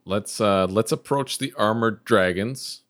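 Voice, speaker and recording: A man's voice: fairly low pitch, a little slow, fairly bright tone. A young man playing a tabletop game with friends, bantering and teasing playfully. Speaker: player. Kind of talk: casual play chat.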